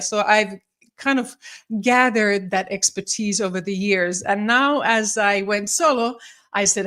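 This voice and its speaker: Her voice is mid-range, clear and resonant with a fairly bright tone: a woman from Finland in her forties, working as a psychologist and leadership coach, speaking on a live stream. The talk is friendly and a touch formal, broken up by frequent ums and restarted sentences.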